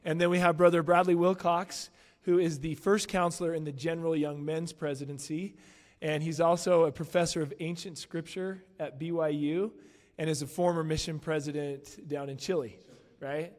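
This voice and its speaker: A man's voice: on the high side, steady tone, normal speed, a little mellow. A man hosting a panel, giving upbeat introductions of his guests. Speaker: podcast host introducing guests. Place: conference hall. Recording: long reverb of a large hall.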